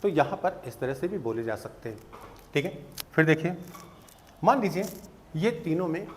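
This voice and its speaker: A man teaching spoken English, explaining slowly and patiently and checking that students follow. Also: on the high side, very animated, darkish tone, slight background noise. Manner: slow, patient explaining with checks like "theek hai?".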